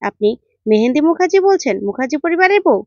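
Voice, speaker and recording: A woman's voice: high voice, sing-song, fast, dark tone, no room sound. A woman voicing a mysterious woman caller who asks prying, urgent questions, in a dull, dry recording.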